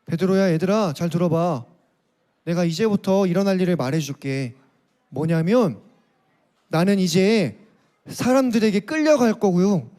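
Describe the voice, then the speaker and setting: A gentle, solemn teacher speaking slow and low, as a preacher puts him on in a sermon. The voice stays calm and grave throughout, still fairly high for a man. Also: natural voice. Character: calm solemn grown man foretelling his fate.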